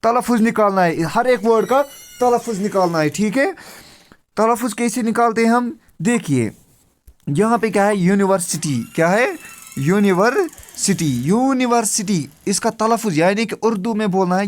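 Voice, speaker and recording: A man's voice: high voice, expressive, moderate pace. A male teacher walks through a grammar lesson on slides. He poses questions to the class and answers them himself, going step by step and repeating the key words. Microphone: screen recording with slides.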